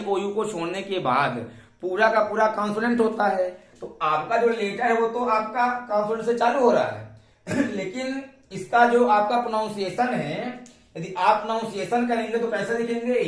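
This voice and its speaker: A man's voice: high-pitched, roomy sound, recorded from a distance. A man from India teaching an English grammar lesson, who often asks a question and then answers it himself. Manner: repeats questions to students.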